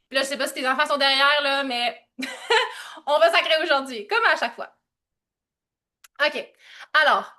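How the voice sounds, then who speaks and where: A high, bright-voiced young woman with a Québécois accent hosts a live coaching stream. She talks loud and fast, laughs a lot and sprinkles in English slang. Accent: Québécois French. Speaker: coach hosting a live session.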